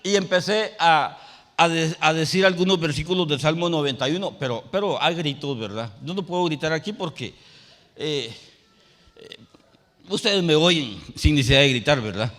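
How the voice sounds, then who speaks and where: A male pastor preaching a sermon. He tells a personal story and rises to loud, emphatic calls. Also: on the high side, lively intonation, moderate pace, long reverb tail. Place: church sanctuary.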